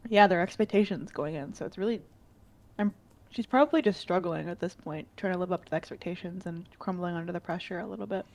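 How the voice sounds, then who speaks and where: A woman's voice: fairly low pitch, fast, gravelly, darkish tone. A woman co-hosting a podcast, chatting casually and laughing easily. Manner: laughs often, easygoing. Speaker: podcast co-host reviewing a TV show. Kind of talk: casual chat.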